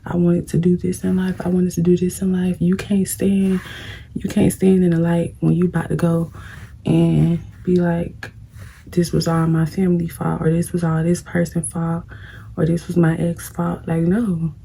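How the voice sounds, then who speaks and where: In a get-ready-with-me chat, a young woman vlogger offers advice while applying makeup, speaking at a normal speed in a lowish, monotone, gravelly voice with a dark tone and scratchy quality. Her manner is blunt and preachy, aimed squarely at viewers.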